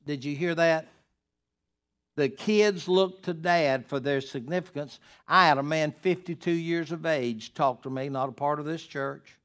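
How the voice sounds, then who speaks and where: An older male pastor delivering a sermon to his congregation. His voice sits a little high for a man, and he swings from booming, emphatic declarations down to near-whispered asides. His delivery is earnest and driving. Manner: swings between booming emphasis and hushed quiet.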